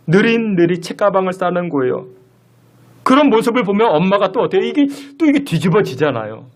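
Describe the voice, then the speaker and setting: A middle-aged man preaching a sermon as pastor in a church, telling a story and asking the congregation questions. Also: sits high. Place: church sanctuary.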